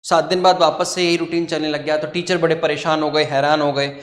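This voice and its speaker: A man's voice: a little high, little pitch movement, brisk, reverberant. A man teaching a coaching class, telling a joke and explaining grammar in a chatty style, often checking in with "okay". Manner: chatty, storytelling, says "ठीक है" often.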